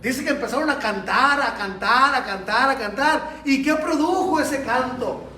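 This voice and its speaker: High-voiced pastor in an echoey church. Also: male voice, normal speed. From Mexico. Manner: animated storytelling, speaks straight to the congregation. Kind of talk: Sunday school sermon. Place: church hall. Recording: echoey church room, mic at a distance.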